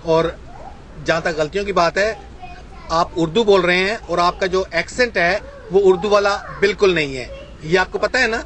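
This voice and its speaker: A man's voice: high-pitched, fairly bright tone, slight background noise. A man sending a voice message while driving, polite in tone but mocking, repeatedly saying please. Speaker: Ahmadi missionary debater. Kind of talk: voice-message debate. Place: in a moving car, driving.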